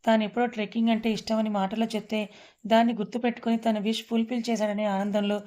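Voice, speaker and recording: A woman narrating a romance story in a steady, even reading voice. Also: on the high side, quick pace.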